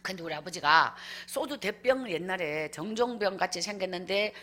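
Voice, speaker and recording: A woman's voice: fairly low pitch, lively intonation, brisk, fairly bright tone. A woman evangelist tells her life story in a revival sermon, emphatic and acting out scenes as she goes. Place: church.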